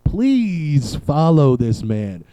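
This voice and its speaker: Alone behind a camera and podcast mic, a young man rambles through a comedic rant on his own podcast, sarcastic and heavy on profanity. He speaks very slowly in a sing-song, somewhat high voice with a dark tone, and there is no echo.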